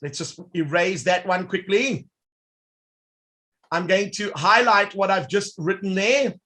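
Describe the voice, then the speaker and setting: A man leads a live online workshop, showing off software with upbeat, showman-style energy and speaking straight to his audience. His voice sits high and he takes his time.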